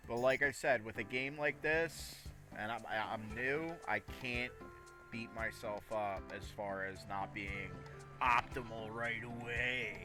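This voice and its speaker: Man streaming a game over clear background music. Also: on the low side. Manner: rambling, talks to himself while playing. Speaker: gaming streamer. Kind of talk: casual live game commentary.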